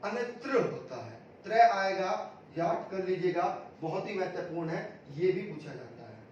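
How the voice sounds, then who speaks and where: A man's voice: high-pitched, animated, moderate pace, a little mellow, a little hiss or hum. A man teaching an exam-prep grammar lesson, drilling students with repeated questions and answers. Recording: echoey room, distant mic, dull sound.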